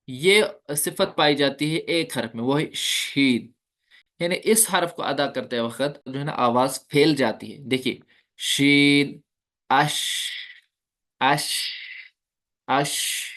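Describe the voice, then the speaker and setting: A man teaching recitation uses a fairly high voice that sounds pushed and bright. Lecturing the class, he explains step by step, asks questions, and demonstrates the sounds.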